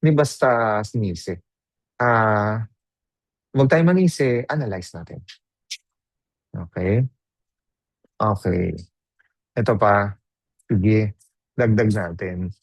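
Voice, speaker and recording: Low slow-talking male trainer. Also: no echo. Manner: conversational, mixes Tagalog and English, asks the audience questions. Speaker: webinar trainer. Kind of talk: live online training talk.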